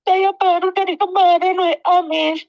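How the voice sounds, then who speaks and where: A woman's voice: very high voice, flat delivery, normal speed, darkish tone, lo-fi sound. A woman migrant worker calling in, in pain and crying, speaking plaintively and politely. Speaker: caller, migrant domestic worker.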